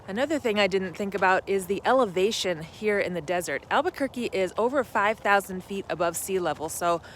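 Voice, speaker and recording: A woman's voice: mid-range voice, animated, fairly quick, a bit bright, slight background noise. A middle-aged woman talking to camera in a casual travel vlog, chatty and upbeat, a little out of breath, standing outdoors at an RV park. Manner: chatty, upbeat, laughs easily. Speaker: RV travel vlogger.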